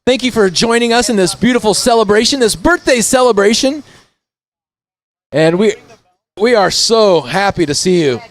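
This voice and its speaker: Chatty high-voiced race commentator man. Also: lively intonation, normal speed. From Indiana. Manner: chatty, folksy, keeps saying "if you will". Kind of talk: live bike race commentary.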